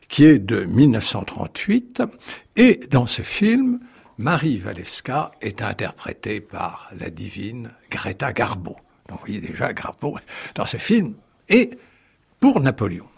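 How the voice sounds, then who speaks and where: A male historian with a gravelly, deeply husky voice talks through a radio studio interview. His pitch swings widely as he tells it, full of wry asides and false starts. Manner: animated storyteller, wry asides and restarts. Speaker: historian guest. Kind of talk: radio interview, explaining at length.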